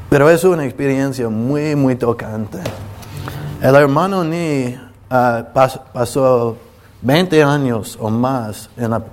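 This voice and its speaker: Slow, halting preacher, a man. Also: medium pitch. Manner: halting, with many restarts and filler sounds; pauses when moved, apologizing to listeners. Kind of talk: emotional sermon to a congregation.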